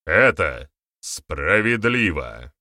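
A male audiobook narrator voicing a stern warrior-chief who speaks forcefully and with heavy emphasis. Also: low voice, measured pace, no echo, clean studio sound, heavily acted. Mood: insistent. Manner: forceful, emphatic, barking orders. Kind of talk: audiobook character voice.

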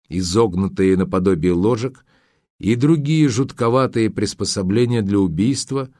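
A man's voice: on the low side, a little mellow, no echo, studio quality. A man narrating an audiobook in a dramatic reading style, acting out the dialogue. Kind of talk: scripted narration.

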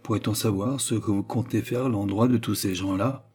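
A man's voice: on the low side, fairly even intonation, fairly quick, darkish tone, breathy edge. Man reading a young mocking rogue. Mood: curious. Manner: mocking questions. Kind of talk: audiobook character reading.

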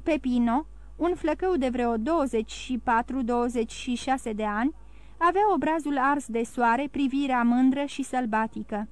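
A woman narrating an audiobook in a steady, even storytelling manner. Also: sits high, no echo. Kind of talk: scripted narration.

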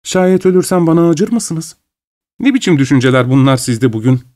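A man reading an audiobook, voicing a brooding, earnest young woman who speaks softly and hesitantly. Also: low-pitched, expressive, normal speed, pitched above the performer's own voice. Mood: gloomy.

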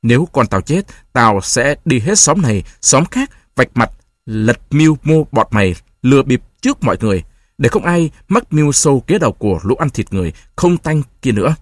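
A man's voice: mid-range voice, very animated, moderate pace, no room sound, clean studio sound. A man voicing a desperate grieving peasant mother who wails and pleads. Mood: furious. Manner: wailing, pleading.

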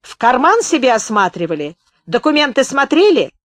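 A woman reading an audiobook, voicing a male bandit chief who shouts in a tearful, whining voice. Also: mid-range voice, steady tone, a little slow, no room sound, studio quality, close to an everyday voice. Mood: shouting, mocking. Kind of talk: audiobook character voice.

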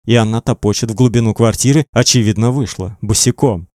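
A man's voice: on the low side, brisk, a little mellow, no echo, studio quality. A man narrating an audiobook in a tense, dramatic reading.

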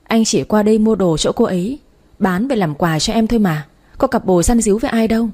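A woman's voice: mid-range voice, fairly quick, mellow, natural voice. A woman reading a storybook, voicing a smug, flirtatious male customer who schemes and coaxes. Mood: coaxing.

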